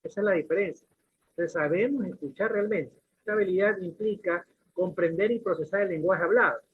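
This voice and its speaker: Male teacher explaining stuff w/ examples, raspy voice, sounds like thru a phone. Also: high voice, a little fast. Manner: explains with questions and examples, restarts. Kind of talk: classroom lecture. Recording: lo-fi phone-like recording.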